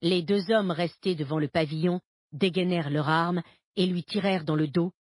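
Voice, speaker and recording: Woman reading a thriller, husky and dry. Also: on the low side, steady tone, normal speed, dry recording. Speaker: narrator. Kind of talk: scripted audiobook narration.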